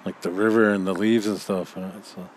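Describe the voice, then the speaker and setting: A man's voice: low voice, level tone, normal speed, a little hiss or hum. A man co-hosting a casual podcast outdoors, trailing off into mumbled asides. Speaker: podcast co-host. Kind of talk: casual chat. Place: outdoors under a backyard overhang by a fire pit.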